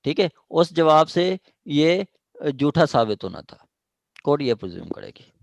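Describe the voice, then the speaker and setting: A law lecturer with a Pakistani accent teaches a class on evidence law, going step by step with plenty of fillers and making sure students keep up. His fairly high, gravelly voice has a sing-song lilt and moves a little slowly, with no echo.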